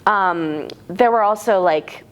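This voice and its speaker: A young actress in her twenties from Tucson, Arizona, speaks casually as an interview guest, hesitating with many fillers and restarts and laughing often. Her medium-pitched voice is slow and clean in tone.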